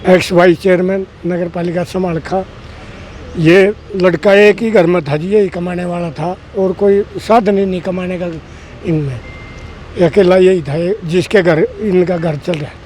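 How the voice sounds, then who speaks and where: A man's high voice speaks to a reporter in a measured, respectful way. Faint traffic noise runs behind him. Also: steady tone, darkish tone. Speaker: local official speaking for family. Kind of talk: street interview.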